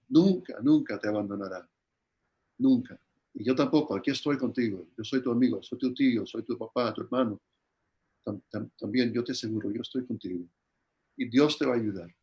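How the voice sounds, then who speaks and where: An older man speaks as a pastor, earnest and steady at a middle pitch, now and then repeating a word while he searches for the next. He answers questions in a calm, heartfelt sermon style. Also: dull audio. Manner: earnest, with repeated words and restarts. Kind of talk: sermon-style answers in an online church conference.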